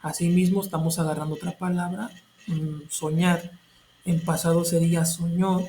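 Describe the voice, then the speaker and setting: A man's voice: fairly high pitch, a little mellow, a little hiss or hum, low-quality recording. A male teacher explaining a grammar lesson step by step, patiently repeating points and checking in with short tag questions. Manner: patient, repetitive explanations with filler tags and self-corrections.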